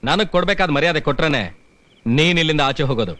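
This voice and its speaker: A man's voice: on the high side, lively intonation, pushed and bright, dry recording. A young actor playing a brash village man in a film drama. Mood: menacing. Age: young adult. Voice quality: fast, brash. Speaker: film hero.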